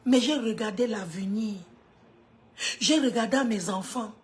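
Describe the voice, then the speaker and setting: A woman's voice: a little high, a little slow. A woman in her fifties from Cameroon, with a Cameroonian French accent, giving an earnest motivational talk on a live stream. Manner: earnest, swings from hushed to emphatic.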